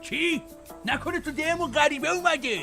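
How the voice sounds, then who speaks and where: A man as a gruff, suspicious village uncle. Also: very high voice, over music. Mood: brusque. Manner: brusque, questioning.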